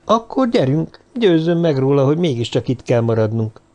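A man's voice: mid-range voice, very animated, dark tone, lightly acted. A man voicing a seductive, commanding middle-aged woman who speaks in a sultry whisper in an audiobook. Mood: urging. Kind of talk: audiobook character voice.

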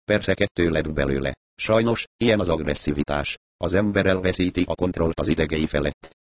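A hulking thug talks with calm, mock-polite menace in a low voice, as a male narrator plays him. The close, dry reading has no room echo. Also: close to an everyday voice. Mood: menacing.

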